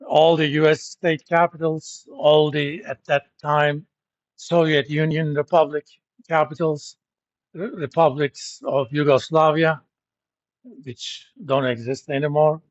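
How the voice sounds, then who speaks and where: A man's voice: on the high side, little pitch movement, unhurried, dry recording, dull audio. A middle-aged man from Turkey who teaches at a university, lecturing his class in a blunt, joking, informal way. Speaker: university professor.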